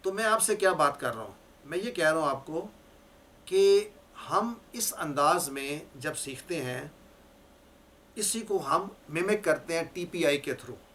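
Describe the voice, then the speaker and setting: A man's voice: fairly high pitch, lively intonation, fairly bright tone. A male teacher giving a classroom lecture, explaining each point step by step and repeating key words for his learners.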